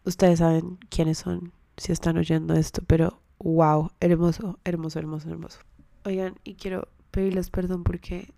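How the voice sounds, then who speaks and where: A woman's voice: on the low side, little pitch movement, moderate pace, gravelly, mellow, no room sound. A young woman hosting a podcast, telling a story in a candid, chatty way, with casual swearing, close to the microphone. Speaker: podcast host.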